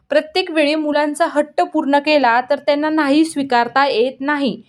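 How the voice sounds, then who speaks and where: A woman hosting a channel, giving parenting advice in an earnest, direct scripted talk. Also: high voice.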